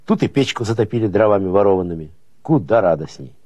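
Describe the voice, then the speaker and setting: A man narrating prose as an audiobook, with expressive folksy storytelling rhythm. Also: on the low side, fast, dry recording.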